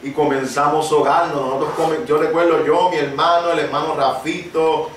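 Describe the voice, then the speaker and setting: A man preaching a sermon with personal testimony, impassioned and emphatic, rising to shouted peaks. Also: a little high, steady tone, fairly quick, slight background noise. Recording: very echoey room, voice far from the mic.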